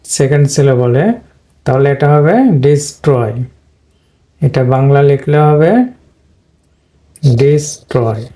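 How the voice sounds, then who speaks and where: A man teaching English pronunciation rules, explaining step by step and repeating himself, with an occasional throat clear. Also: on the high side, mellow. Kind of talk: whiteboard lesson explanation.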